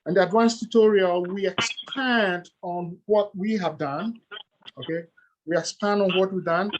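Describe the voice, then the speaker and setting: A man's voice: sits high, steady tone, measured pace, dull audio, noisy background. A middle-aged man with a Ghanaian accent gives a lecture-style presentation, explaining step by step with frequent "uh"s and "okay"s.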